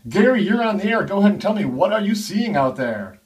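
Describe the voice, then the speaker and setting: A man putting on the voice of a smooth-talking male radio DJ who takes calls from listeners with upbeat on-air patter. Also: sits high, sing-song, a little fast, recorded from a distance. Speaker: science video host.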